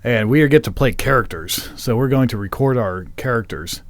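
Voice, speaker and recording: A man's voice: medium pitch, animated, normal speed, dry recording. A man co-hosting a casual podcast, rambling, swearing freely and laughing at his own confusion. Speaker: podcast co-host.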